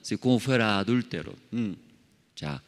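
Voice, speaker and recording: A male pastor preaching a sermon in halting, non-native Spanish, throwing many questions at his congregation and padding his phrases with fillers. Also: fairly low pitch. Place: church sanctuary. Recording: long hall reverb.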